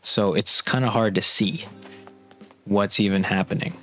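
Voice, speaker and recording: A man's voice: lowish voice, steady tone, a little slow, fairly bright tone, faint music behind. A young man casually recounting a work story, rambling with lots of "like" and restarts, sounding bewildered. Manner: rambling, heavy use of "like", restarts; exasperated, bewildered retelling.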